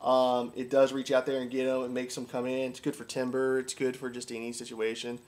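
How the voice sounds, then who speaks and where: A man with a medium-pitched, darkish voice and a completely flat delivery explains duck calling a little fast. As an instructor, he is informal and repetitive, but enthusiastic about the craft in this casual how-to.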